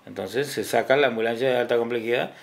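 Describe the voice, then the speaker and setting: A man's voice: medium pitch, fast talker, vocal fry. A middle-aged man with an Argentine Spanish accent, who works as a hospital ambulance driver, talks casually in an interview, hesitating, repeating words and tagging his sentences with questions.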